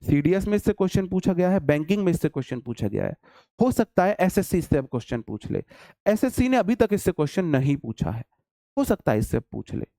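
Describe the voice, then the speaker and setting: A young male teacher explains grammar for exam students with a high, swooping voice. His tone is mellow and dry, and he repeats each point for emphasis, addressing his listeners as brother. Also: very animated, a little fast, no room sound. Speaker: English teacher. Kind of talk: exam-prep grammar lesson.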